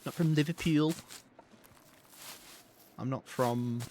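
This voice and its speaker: A man's voice: medium pitch, slow, a little mellow, slight background noise. A man with a southern English accent giving chatty, wry live commentary while playing a video game, with the odd swear and laugh. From south of England. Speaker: game streamer. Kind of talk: casual live gameplay commentary.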